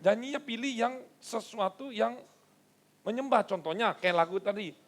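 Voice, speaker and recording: A male pastor preaching a sermon, animated and storytelling, with rhetorical questions to the congregation. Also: high-pitched, normal speed.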